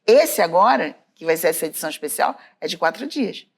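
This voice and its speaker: A woman's voice: fairly low pitch, brisk, gravelly, a little hiss or hum. A woman with a Brazilian Portuguese accent, a podcast co-host telling stories in casual chat, calling out to her listeners. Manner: lively storyteller, exclaims to listeners.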